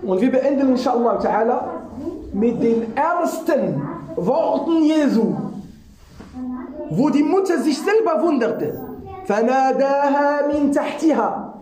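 A woman giving a lively religious lesson, asking her listeners rhetorical questions and reciting Arabic scripture quickly. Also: sits high, crowd noise. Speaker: religious teacher. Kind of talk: religious lesson to a small audience. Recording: echoey room.

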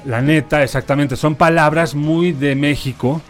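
A man from Spain with a softened Spanish accent, hosting a casual talk show and explaining points in a measured way. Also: fairly high pitch, steady tone, soft background music. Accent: Spanish, softened toward neutral Mexican. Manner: explanatory, measured, often tags "¿no?". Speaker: host. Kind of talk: casual radio-style chat.

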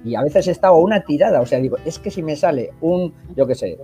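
Fast-talking Spanish man in his forties. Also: on the high side, expressive, dark tone. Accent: Spanish from Spain. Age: 40s. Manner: emphatic, teasing. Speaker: guest. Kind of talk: casual chat over video call. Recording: dull lo-fi call audio, faint music.

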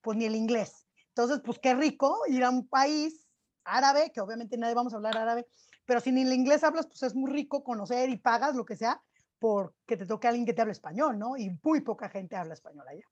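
A woman's voice: on the high side, fairly quick, darkish tone, lo-fi sound. A woman hosting a podcast, asking questions in a conversational way. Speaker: podcast host. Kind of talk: interview questions.

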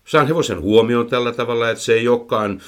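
A man speaking as a horse trainer, explaining his methods at length in casual chat, with frequent fillers and repeated words. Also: mid-range voice. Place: indoors, recorded for a microphone.

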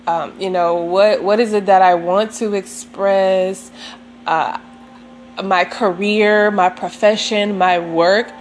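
A woman chatting casually and unscripted to viewers in a reflective, meandering, gently self-affirming way, as a vlogger does. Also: mid-range voice, steady tone, takes it slowly, a little hiss or hum. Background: soft sentimental music.

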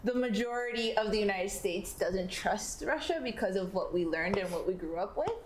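A woman's voice: medium pitch, normal speed. A woman with Colombian roots in a casual group discussion, talking animatedly and acting out the questions she gets asked. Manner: animated, acts out questions in quotes. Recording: echoey room with faint background noise.

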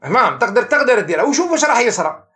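A man's voice: very high-pitched, rapid-fire. An Algerian man, an economics professor, explaining things as the guest of an interview, mixing in French and English words. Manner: animated, mixes French and English terms.

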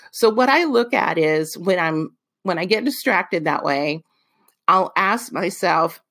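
A woman hosts her own solo podcast, talking the listener through business advice in a loose, chatty way. Her voice sits a bit low, and she takes her time, unhurried, with plenty of ums and restarts along the way. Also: a bit bright. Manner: folksy asides addressed to the listener. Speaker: podcast host.

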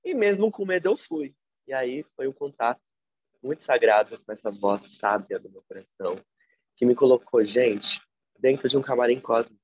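Brazilian man telling a story with animated, swooping pitch. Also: normal speed, breathy edge, highs cut off. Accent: Brazilian Portuguese. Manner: animated, reflective storyteller with big pitch swings. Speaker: podcast guest. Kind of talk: personal storytelling in a podcast conversation.

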